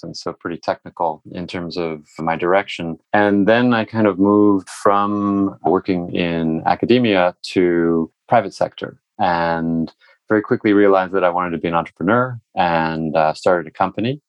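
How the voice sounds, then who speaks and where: A man speaking as a guest in an interview, relaxed and rambling, with the odd laugh. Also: sits low, normal speed, no room sound, rough recording. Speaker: guest, entrepreneur and investor. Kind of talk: casual interview talk.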